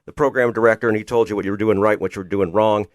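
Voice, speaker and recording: An older radio man hosting a podcast, chatty and folksy, laughing easily between questions. His voice sits a little low, and the recording is dry and close with no room around it. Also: steady tone, racing, dry recording. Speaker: podcast host, retired radio DJ. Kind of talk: casual interview chat.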